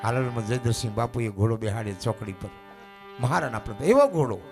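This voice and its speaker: A man with a Gujarati accent preaching a devotional sermon, repeating phrases, loud declaiming one moment and quiet coaxing the next. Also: mid-range voice, lively intonation, quick pace, music in the background. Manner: emphatic, repetitive, swings between loud declaiming and quiet coaxing. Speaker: spiritual preacher.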